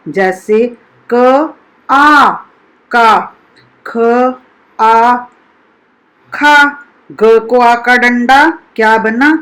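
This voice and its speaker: Woman school teacher for a children's lesson: slightly high voice, unhurried, carefully sounds out every syllable. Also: low-quality recording. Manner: slow, deliberate, sounds out each syllable for children. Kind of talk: recorded primary-school Hindi lesson.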